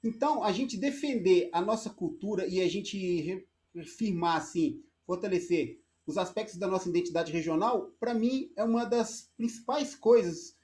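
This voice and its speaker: A man's voice: sits high, normal speed, darkish tone. Friendly Brazilian man asking rambling questions. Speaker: interviewer, host. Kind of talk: casual interview.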